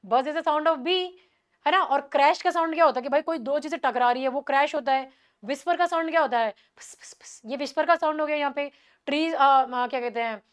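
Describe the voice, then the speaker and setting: A woman from India teaching English literature for exam preparation, explaining in Hindi mixed with English and reading the English examples slowly with an Indian accent. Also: sits high. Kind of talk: exam-prep lecture.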